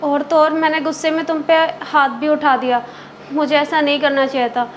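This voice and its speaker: A haughty young rich wife who scolds her driver with mocking contempt, played by a woman. Her voice is very high and shrill, with a faint hiss behind it. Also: brisk, fairly bright tone. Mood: remorseful. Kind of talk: amateur web drama acting.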